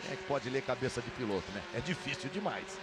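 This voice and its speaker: A man's voice: medium pitch, lively intonation, fast talker. A man with a Brazilian accent giving live motor race commentary, drawing out his calls of the action dramatically. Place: commentary booth at a racetrack. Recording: loud engine and trackside noise behind. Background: loud car and outdoor track noise.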